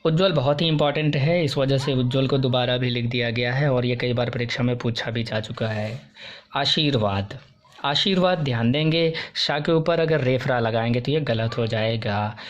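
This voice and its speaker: A male teacher from India with a medium-pitched voice walks exam students through correct and incorrect Hindi spellings. He slows down to emphasize each correct form.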